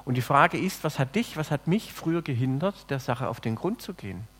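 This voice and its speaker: A man preaching a sermon, swinging between loud emphatic lines and soft, low, hushed phrases. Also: animated, a little fast. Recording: long hall reverb.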